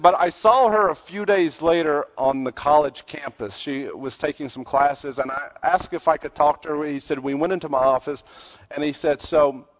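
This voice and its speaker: A man preaching a sermon in earnest, emphatic bursts, with frequent fillers and restarts. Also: medium pitch. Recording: dull audio with long hall reverb.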